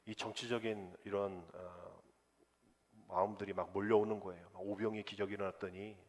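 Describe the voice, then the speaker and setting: A man preaching a sermon as pastor, lively and conversational, acting out the voices of people he quotes. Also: deep voice, fairly quick. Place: church sanctuary. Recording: long church hall reverb.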